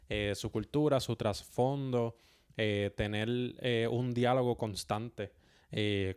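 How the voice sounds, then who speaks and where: A man guest in a casual chat, giving measured advice with frequent filler sounds. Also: mid-range voice, darkish tone, smooth.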